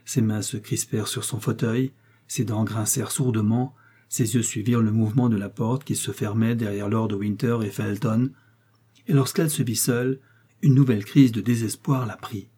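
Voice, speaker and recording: A man narrating a classic novel as an audiobook, in a measured, dramatic reading. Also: fairly low pitch, steady tone, mellow, slightly rough.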